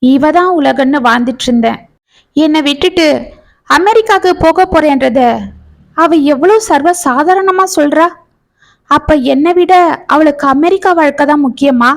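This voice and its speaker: A woman's voice: sits high, moderate pace, long pauses, lightly acted. A woman voicing a distressed middle-aged single mother, tearful and pleading. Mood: anguished. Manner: tearful, pleading, rising and raw.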